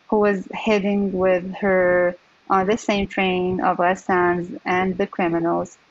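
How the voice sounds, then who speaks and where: A woman's voice: mid-range voice, dry recording, muffled recording. A woman from Syria, an author answering interview questions in a hesitant way with many fillers. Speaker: author guest.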